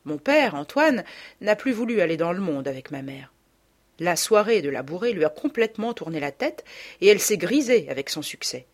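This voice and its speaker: A woman reading a literary novel aloud as an expressive audiobook narration. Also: on the low side, normal speed. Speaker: audiobook reader.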